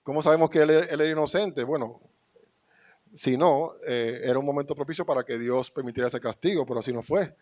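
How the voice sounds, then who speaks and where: Reading scripture aloud with building emphasis, a Dominican Spanish–accented pastor delivers a sermon to his congregation. His voice is a little high with a darkish tone, and he speaks briskly.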